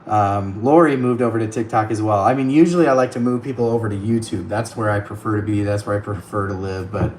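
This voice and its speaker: Streaming from an iPad on the road, this chatty host thanks viewers by name and laughs a lot, though his voice is wearing down. He speaks low and quickly, barely pausing, with a darkish tone. The tablet mic captures an echoey room plus a little hiss or hum.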